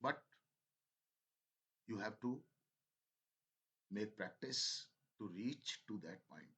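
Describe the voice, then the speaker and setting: Slow-speaking teacher, man. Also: lowish voice, expressive, sharp tone, poor audio. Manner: mixes Hindi and English, coaxing and repetitive. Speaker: English teacher. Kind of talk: classroom listening lesson, slow dictation.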